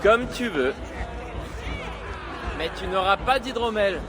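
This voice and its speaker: A man's voice: high-pitched, expressive, slow. A man playing a cheeky, teasing Viking boy in a video game, speaking casually. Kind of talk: French video game voice acting. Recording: loud music and crowd behind voice.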